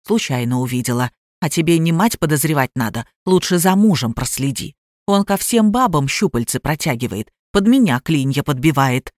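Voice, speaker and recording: A woman voicing a quarrelsome middle-aged mother who drinks, shrill and accusing, in a storybook reading. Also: lively intonation, normal speed, a little mellow, no echo, studio quality. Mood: hissing.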